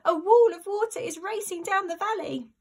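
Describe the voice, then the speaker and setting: A woman voicing a brave, gentle male giraffe with a squeaky, high voice, calling out urgent warnings. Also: normal speed.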